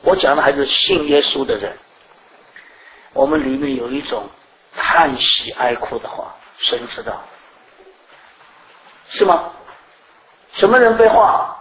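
A woman's voice: sits low, animated, a little slow, pauses often, a bit bright. A middle-aged woman preaching a sermon in an earnest way, often asking rhetorical questions and repeating herself. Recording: roomy echo.

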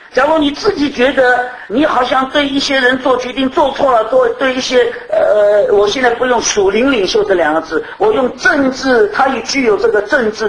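A man's voice: high voice, reverberant, poor audio. A man preaching a sermon, teaching earnestly and posing rhetorical questions to his listeners.

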